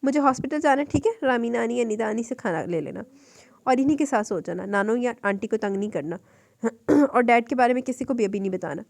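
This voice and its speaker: A woman reading aloud, voicing a protective young mother who speaks softly to her son and firmly to others. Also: fairly high pitch, a little fast, vocal fry, no echo. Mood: coaxing. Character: protective young mother, firm but tender.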